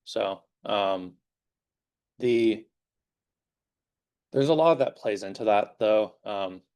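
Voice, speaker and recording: A guest security engineer in his twenties addresses a class informally, rambling with lots of fillers as his voice begins to fade. His voice is lowish, smooth and a little mellow, slow yet animated.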